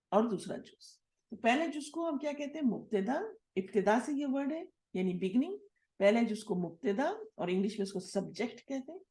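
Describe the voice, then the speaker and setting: A woman teacher walks through a grammar lesson, posing questions and answering them herself. Her voice is gravelly with a mellow, dark tone. The sound is echoey, as if recorded in a bare room. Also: on the high side. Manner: explains step by step, asks and answers her own questions; mixes English words into Urdu. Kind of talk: classroom lesson.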